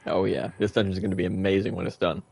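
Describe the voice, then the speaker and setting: A man's voice: sits low, flat delivery, fast, vocal fry, a little mellow, breathy edge. A man hosting a live gaming stream, casually thinking aloud as he builds and chuckling at his own slips. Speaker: gaming livestreamer. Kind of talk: live gameplay commentary.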